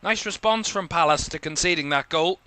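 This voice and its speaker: A young man with a Northern Irish accent giving live play-by-play commentary on a football match, calling the action quickly and lifting his voice at attacking moments. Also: fairly high pitch, pushed and bright, smooth, no echo.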